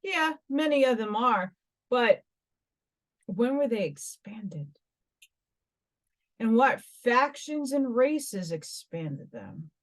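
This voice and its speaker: A New York woman reads articles on her metaphysical vlog in a slightly high, very animated voice, going slowly and pausing often. She repeatedly drifts off into rambling, dramatic asides.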